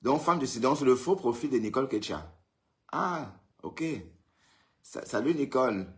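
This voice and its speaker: A man's voice: mid-range voice, expressive, normal speed. A man hosting a casual live stream, greeting viewers by name and teasing them in a chatty way. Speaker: livestream host. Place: indoors, at home in Europe.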